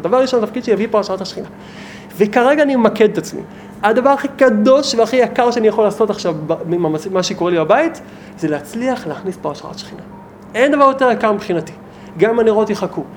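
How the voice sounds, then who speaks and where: A rabbi, a man with a notably high voice, teaching a small group. He talks in an animated, emphatic way and keeps putting rhetorical questions to his listeners, with faint noise in the background.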